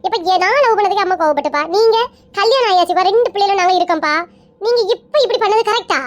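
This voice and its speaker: A woman's voice: very high voice, fast, muffled recording. A woman playing a nagging grown daughter who lectures her father in a comedy skit. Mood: lecturing.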